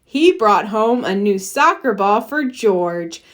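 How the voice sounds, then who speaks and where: A storybook reader with a medium-pitched voice reads a children's picture book aloud, telling it expressively and deliberately.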